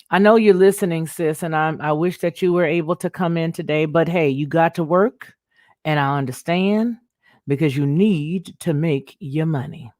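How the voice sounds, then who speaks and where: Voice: mid-range voice, dry recording, clean studio sound. A livestream host talking casually, rambling and restarting sentences while reading viewer comments aloud and answering them. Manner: talks back to chat with quick affirmations.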